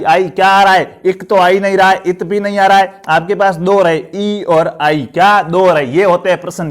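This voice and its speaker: A man teaching a live online grammar class. He keeps asking questions and answering them himself, and he encourages the students. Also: high-pitched.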